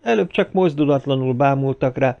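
A man reading an audiobook aloud in a steady, expressive storytelling manner. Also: medium pitch, vocal fry. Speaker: audiobook narrator. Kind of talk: audiobook narration. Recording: slightly dull lo-fi audio.

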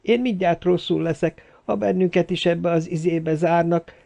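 A man's voice: a little high, fairly even intonation, vocal fry, mellow, voice pushed up. A man voicing a nervous, jittery man. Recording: slightly dull lo-fi audio.

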